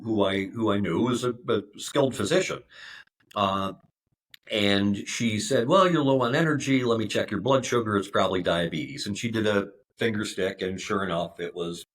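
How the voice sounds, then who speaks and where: Halting, low-voiced man in his fifties. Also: a bit bright. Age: 50s. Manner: halting, many fillers and restarts. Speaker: guest. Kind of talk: conversational interview.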